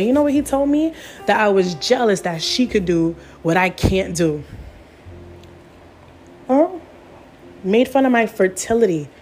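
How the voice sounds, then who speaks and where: Earnest woman testifying over soft music. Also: medium pitch. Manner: earnest, emphatic, repeats phrases. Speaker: spiritual speaker. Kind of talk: personal testimony talk.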